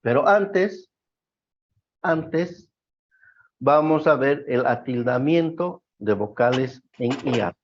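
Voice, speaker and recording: A man lectures a class at a slow, unhurried pace, stopping often to ask if everyone follows. The sound is dull and lo-fi. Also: mid-range voice, slight background noise. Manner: slow, explanatory, checks with frequent questions. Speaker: teacher. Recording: dull lo-fi recording.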